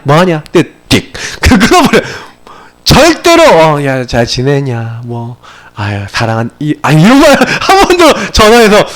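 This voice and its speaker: A male pastor preaching a sermon to his congregation in a church, swinging between emphatic bursts and hushed asides. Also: high-pitched. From Gyeongsang region of Korea. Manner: animated preaching with sudden loud peaks and quiet asides. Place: church sanctuary.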